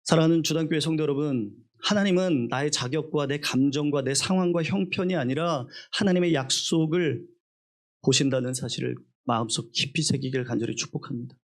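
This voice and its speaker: A man's voice: fairly high pitch, a little fast. A male pastor preaching a sermon with emphatic rhetorical questions, acting out the voices of the people he quotes.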